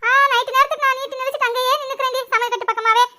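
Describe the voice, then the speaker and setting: A woman voicing a hot-tempered cartoon mother who scolds her children quickly and sharply. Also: fairly even intonation, bright, forceful tone, full character voice. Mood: scolding. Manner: scolding, rapid, shrill. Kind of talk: cartoon voice acting.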